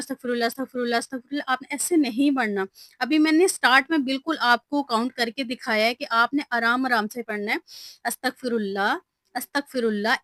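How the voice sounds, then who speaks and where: A woman's voice: a little high, fairly bright tone, dry recording. A woman vlogger, chatting casually and telling personal stories about faith with many fillers. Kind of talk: casual religious advice talk.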